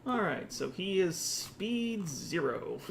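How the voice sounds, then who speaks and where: A man's voice: sits high, very animated, takes it slowly, gravelly, a little hiss or hum. A man running a tabletop game as game master, describing scenes in the second person with the odd laugh.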